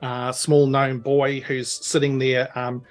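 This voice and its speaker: A man's voice: medium pitch, flat delivery, slow, soft background music. A young man narrating as game master, rambling with lots of fillers. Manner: rambling, many fillers, chuckling.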